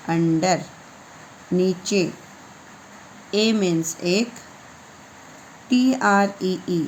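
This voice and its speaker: A woman gives a patient reading lesson, spelling each English word letter by letter before translating it. She talks at a very slow, deliberate pace in a mid-pitched voice. A faint hum of noise sits behind her. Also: a little mellow, rough recording. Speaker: English teacher.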